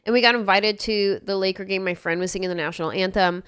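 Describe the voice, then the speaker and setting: In a studio with no echo, a podcast host congested with a cold chats casually and tells stories, adding wry, self-mocking asides. Her voice is medium-pitched, smooth and fairly bright, and she talks fast.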